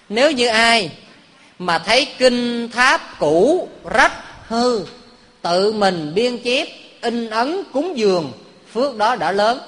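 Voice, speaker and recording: A monk with a high, bright voice gives a playful dharma talk. He keeps putting questions to his listeners and drifts into funny stories. His voice rings through a large hall with a long reverb. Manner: quizzes the audience, jokes and tells stories. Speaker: Buddhist monk teaching.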